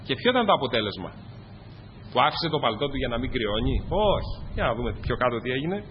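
A man's voice: medium pitch, very animated, slight background noise. A man preaching a sermon to his congregation, fervent and rising to cries on key phrases. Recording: dull lo-fi recording in a large reverberant hall.

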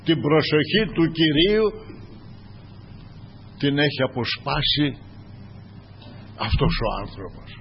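An older man preaching a sermon, swinging from loud exhortation to softly murmured praise asides. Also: fairly high pitch, sing-song, pauses often, dull audio, slight background noise.

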